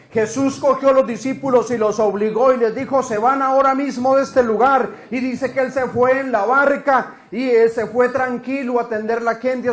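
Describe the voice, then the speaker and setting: A man preaching a lively sermon, telling stories and asking the congregation questions. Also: very high-pitched, roomy sound. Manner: animated storytelling, asks the congregation questions.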